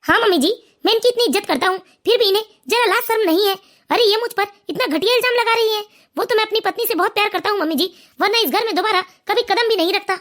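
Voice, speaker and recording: A woman's voice: very high-pitched, fast, fairly bright tone. A woman voicing a smug, sleazy young son-in-law in a cartoon, with a mocking, scornful manner. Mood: self-righteous. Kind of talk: cartoon voice acting.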